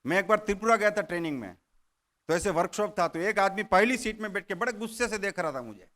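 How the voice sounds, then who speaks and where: High, bright trainer. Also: male voice, fast talker. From Gujarat, India. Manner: animated, quizzes the audience. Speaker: network marketing trainer. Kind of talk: motivational training talk.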